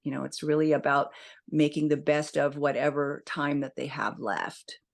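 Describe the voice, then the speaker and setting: A woman with a slightly low voice talks as a guest expert in an interview. She is a hospice nurse who explains in plain, informative terms and addresses the listener directly. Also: fairly even intonation, normal speed, creaky.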